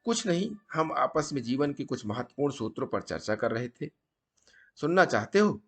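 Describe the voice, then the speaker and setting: A man voicing a calm, wise middle-aged holy man who counsels in a measured way, listing short rhyming rules of conduct. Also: medium pitch, gravelly. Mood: welcoming.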